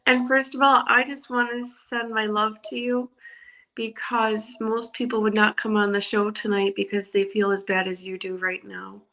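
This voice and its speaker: A woman's voice: medium pitch, level tone, normal speed, pushed and bright. A woman co-hosting a talk show, speaking earnestly with supportive, emphatic phrasing. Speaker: co-host, court watcher.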